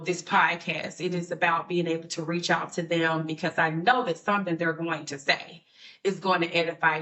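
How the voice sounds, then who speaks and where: A woman's voice: low-pitched, sharp tone, distant mic. A woman hosting a podcast panel, speaking enthusiastically and affirming her guests. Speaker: podcast host.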